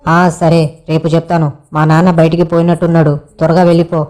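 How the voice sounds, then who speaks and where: Young man, rapid flat delivery, cheeky crude banter, village comedy skit. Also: fairly high pitch.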